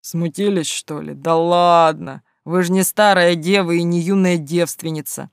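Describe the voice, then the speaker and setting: A narrator voicing a sleepy, insolent young male student who answers back in a low, sullen voice. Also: steady tone, a little slow, creaky, clear, resonant tone, no echo, studio quality.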